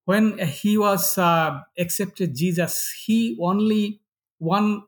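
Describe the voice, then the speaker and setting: A middle-aged Bangladeshi pastor, a native Bengali speaker, gives personal testimony as an interview guest in halting, non-fluent English with a Bangladeshi accent. His voice is high-pitched.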